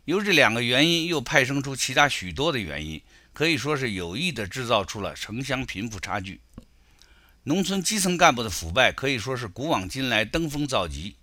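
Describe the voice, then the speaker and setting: A man's voice: medium pitch, very animated, brisk, pushed and bright, dry recording. A middle-aged man giving critical, argumentative spoken political commentary and telling stories to make his points.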